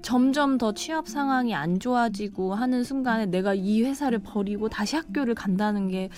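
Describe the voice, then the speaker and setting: A woman's voice: fairly high pitch, moderate pace, darkish tone, faint music behind. A woman in her thirties, a tourist train attendant, answering an interview in an earnest, reflective way.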